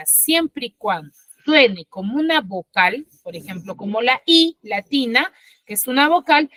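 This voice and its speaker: A woman teacher walks her students through a lesson over a video call, patient and methodical. Her voice sits high and sounds bright, and the sound is dry and close. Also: no echo. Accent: Peruvian Spanish. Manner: patient, explanatory, checks understanding often. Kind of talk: online class lecture. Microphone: computer mic on video call.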